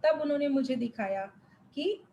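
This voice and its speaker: A woman's voice: sits high, lively intonation, moderate pace, warm tone, dull audio, a little hiss or hum. A young woman giving an earnest, emotional spiritual testimony to a congregation, mixing English words into her speech. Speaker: devotee sharing a testimony.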